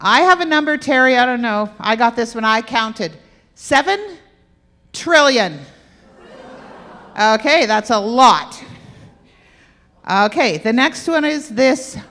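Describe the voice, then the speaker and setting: A health workshop presenter with a highish, slightly bright, animated voice speaks slowly with long pauses, playfully quizzing her audience. The echoey recording comes from a church hall with a stage and aisle.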